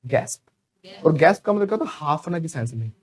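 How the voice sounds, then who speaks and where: A man's voice: on the high side, animated, quick pace. A man teaching spoken English to a class, drilling students to repeat phrases after him.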